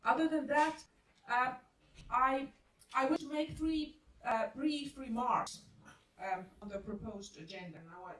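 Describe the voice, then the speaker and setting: A soft-spoken woman with a fairly high voice gives measured academic remarks, filling pauses with frequent ums and uhs. She sounds far from the mic in a reverberant seminar room with a faint hiss. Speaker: panel speaker, media scholar.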